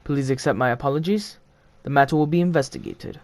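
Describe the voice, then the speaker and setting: A stern, portly railway boss, as a reader puts him on, formal and clipped like he is addressing a room. The voice stays close to the reader's own middle pitch, recorded dry and close. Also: brisk, no room sound, natural voice.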